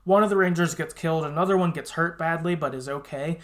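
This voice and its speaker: Slightly high and fast, this man's voice carries a podcast recap of a game's story. The tone is chatty and informal, with some swearing and casual side comments.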